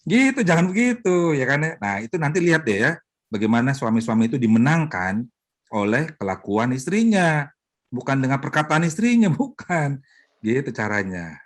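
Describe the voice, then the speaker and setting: A middle-aged man, a pastor, teaching a Bible study in a lively, joking way, acting out wives' prayers. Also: mid-range voice, normal speed. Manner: animated, joking, mimics wives praying.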